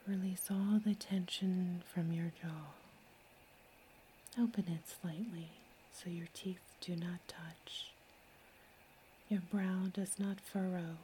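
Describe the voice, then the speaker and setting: A woman host whispering a calm, slow sleep story, close to the mic. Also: on the low side, a little hiss or hum, low-quality recording.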